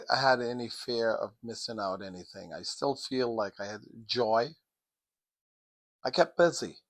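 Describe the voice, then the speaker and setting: Middle-aged man from the Caribbean, interview guest, unhurried and low, close dry mic. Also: no room sound. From Sint Maarten, Dutch Caribbean. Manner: slow, measured, with frequent ums. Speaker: interview guest, math teacher. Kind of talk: casual interview.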